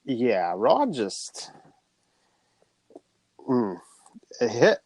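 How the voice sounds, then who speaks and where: A man's voice: medium pitch, huge pitch swings, extremely slow, a little mellow. A man co-hosting a podcast, casually recapping a horror film plot and swearing freely.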